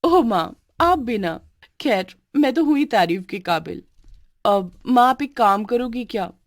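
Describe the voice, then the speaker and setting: A woman's voice: fairly high pitch, lively intonation, measured pace, no echo, studio quality, pitched above the performer's own voice. A woman voicing a spoiled, arrogant young wife in a cartoon story who orders others around. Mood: sweet. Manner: haughty, demanding. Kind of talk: cartoon voice acting.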